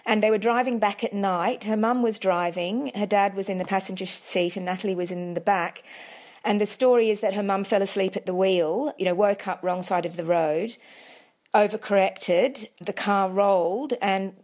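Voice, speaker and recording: A woman, a friend being interviewed, telling stories in a relaxed, conversational way. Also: medium pitch, normal speed. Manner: conversational storytelling with fillers. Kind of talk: casual recollection.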